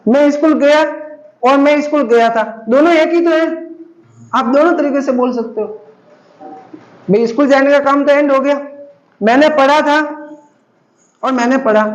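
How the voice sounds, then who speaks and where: A man with a very high voice teaches a grammar class. He explains patiently and goes over each example several times. The recording is dull and lo-fi, in an echoey room. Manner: patient, repetitive explaining, addresses students as beta.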